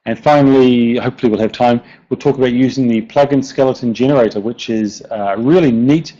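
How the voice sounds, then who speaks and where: Speaking fairly quickly at a medium pitch, this dark-toned man presents on a technical subject in a casual way. He's a software developer with a broad New Zealand accent who frequently hesitates and repeats himself, captured on dull, lo-fi online audio.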